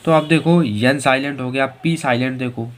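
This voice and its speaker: A male teacher giving a slow spelling lesson, spelling out letters one by one and repeating each word several times. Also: medium pitch. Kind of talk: Hindi spelling and pronunciation lesson.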